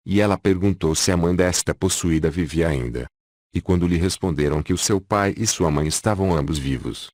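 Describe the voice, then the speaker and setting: A man narrating an audiobook in a measured, solemn reading style. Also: low voice, a little mellow, no echo, studio quality. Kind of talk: scripted narration.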